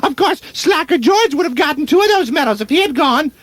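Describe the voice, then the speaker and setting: Very shrill, doddering old uncle. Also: male voice, lively intonation, a little fast, fairly bright tone. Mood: gleeful, taunting. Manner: stammering, muddled, repeats himself. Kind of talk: comic radio play acting. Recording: crowd noise behind the voice.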